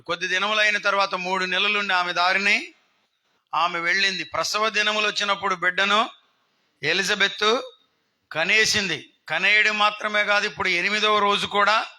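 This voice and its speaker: A man's voice: high voice, bright, forceful tone. A man preaching a sermon, putting questions to the congregation and acting out scenes. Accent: Telugu. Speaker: pastor. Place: outdoor gathering.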